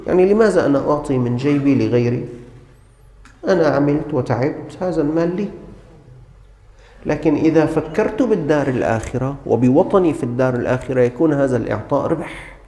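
Earnest preacher in echoing hall. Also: male voice, mid-range voice, expressive, fast talker, warm tone. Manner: earnest, addresses the congregation as brothers. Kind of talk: sermon with storytelling. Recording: long hall reverb.

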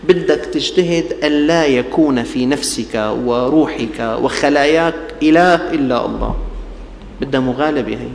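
A man delivering a colloquial sermon, slowing for emphasis and acting out the people he quotes. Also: medium pitch, gravelly, slight background noise. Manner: colloquial, acts out quoted people, shifts between slow emphasis and quick asides. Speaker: preacher. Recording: roomy hall with faint ambience.

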